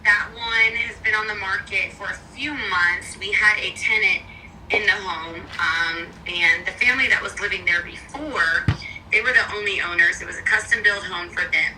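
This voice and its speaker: A woman's voice: medium pitch, steady tone, normal speed, bright, forceful tone. Lady realtor talking over the phone, chatty, kinda far off and hissy. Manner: chatty, explains at length. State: bad cell service. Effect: heard over a phone call. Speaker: real estate agent. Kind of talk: casual phone conversation. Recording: distant phone line, faint noise.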